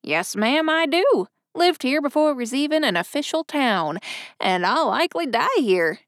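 A woman's voice: sits high, sing-song, unhurried, no echo, clean studio sound, voice pushed up. A woman voicing a chatty old male station master who rambles in a folksy way. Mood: cheerful.

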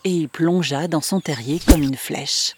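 Expressive woman narrating a fable. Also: sits low, slight background noise. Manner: expressive, measured storytelling. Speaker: storyteller. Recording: music bed under the voice.

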